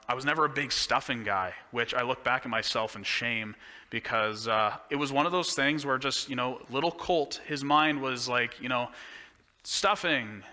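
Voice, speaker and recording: A young pastor talks his congregation through a relaxed, rambling sermon, full of fillers and friendly restarts. His voice is bright and forward. It rings out with the long reverb of a big church hall. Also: mid-range voice. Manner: casual and chatty, with many fillers and restarts. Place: church sanctuary.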